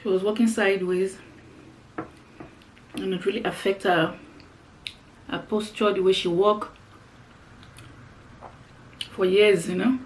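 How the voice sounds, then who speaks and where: A middle-aged woman talks casually to her viewers as she has a meal on camera. Her voice sits at an ordinary pitch, and she explains things conversationally, circling back over phrases. There is noticeable noise behind her. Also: fairly even intonation, takes it slowly, pauses often, poor audio. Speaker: mukbang vlogger. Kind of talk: casual chat to viewers while eating. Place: indoors, seated on the floor.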